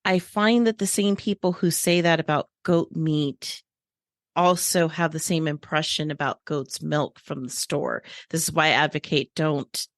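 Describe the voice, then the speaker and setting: Low-voiced chatty woman host. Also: fairly even intonation, a little slow, no room sound, clean studio sound. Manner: chatty, laughs often, emphatic opinions. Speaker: podcast host. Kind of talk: casual interview conversation.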